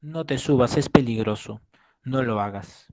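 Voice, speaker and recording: A man's voice: medium pitch, a little slow, a little mellow, dry recording, pitched below the performer's own voice, close to an everyday voice. A man voicing a small boy who earnestly and urgently warns his little cousin away from danger.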